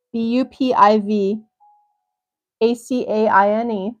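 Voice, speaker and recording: A young woman hosting a livestream, reading a crime article aloud and cutting in now and then with blunt, swearing reactions. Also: a little high. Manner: reads steadily, breaks off with blunt swearing reactions. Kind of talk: reading aloud with personal asides.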